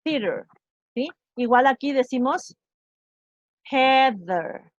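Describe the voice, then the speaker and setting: Patient woman teaching pronunciation slowly. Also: fairly high pitch, no room sound, muffled recording. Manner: patient, slow, checks understanding with repeated "¿sí?". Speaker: English teacher. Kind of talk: online class explaining pronunciation.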